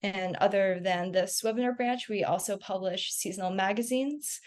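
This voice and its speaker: A woman with a mid-range voice hosts an online webinar over a video call. She reads introductions and questions in a steady way and answers with short affirmations. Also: medium pitch, moderate pace. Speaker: webinar host. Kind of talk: webinar hosting.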